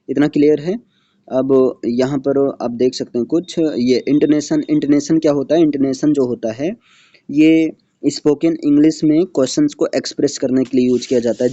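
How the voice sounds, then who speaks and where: A man teaching a lecture from slides. He repeats each definition and keeps asking whether it is clear, and he slows down when he says English technical terms. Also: mid-range voice, warm tone, dry recording, muffled recording. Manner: checks in often with "clear hai?". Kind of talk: Hindi lecture walking through slides.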